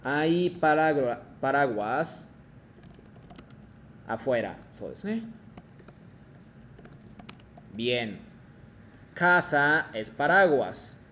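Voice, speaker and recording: A man teaching a Japanese class online, slowly modeling phrases for his students to repeat. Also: on the high side, expressive, fairly bright tone, slight background noise. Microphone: video call.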